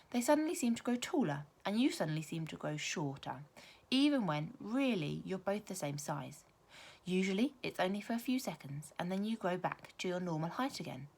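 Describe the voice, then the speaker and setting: Like a primary school teacher, a woman reads a children's storybook aloud with expression, careful emphasis, and dramatic pauses. Her voice is mid-range with a breathy edge.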